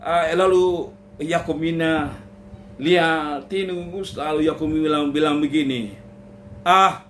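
A male pastor preaching a humorous sermon, telling a story and often addressing listeners directly with drawn-out "uh" pauses. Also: on the high side, fairly even intonation, a little hiss or hum.

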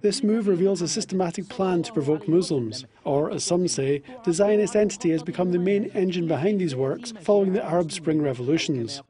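A man narrates a scripted news report. His voice sits high for a man, with a dark, relaxed tone that has very little edge to it. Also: a little fast, hardly any pauses. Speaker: news reporter voice-over translator.

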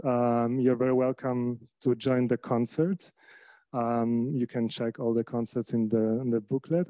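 A man's voice: mid-range voice, mellow. A man who manages cultural projects, giving a short, hesitant introduction full of fillers in a lecture hall.

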